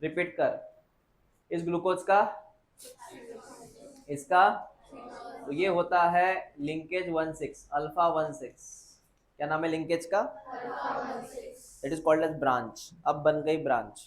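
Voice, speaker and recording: A man with a fairly high voice teaches biology in a classroom that rings with echo. He repeats each point several times and keeps firing short questions at his students. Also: fairly even intonation, a little hiss or hum. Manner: repetitive, quizzing students with quick questions. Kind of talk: classroom lecture. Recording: echoey classroom.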